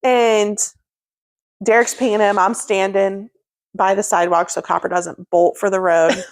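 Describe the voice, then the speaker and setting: A woman in her thirties co-hosting a podcast, telling a funny story casually, laughing as she talks and acting out quoted lines. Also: normal speed. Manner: animated, acts out quoted lines with big pitch jumps; frequent laughter while talking. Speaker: podcast co-host.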